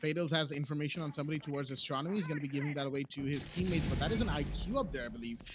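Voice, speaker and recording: A man doing play-by-play esports commentary who gets excitable and loud when the action picks up. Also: racing. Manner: excitable, voice jumps high in big plays. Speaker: esports caster.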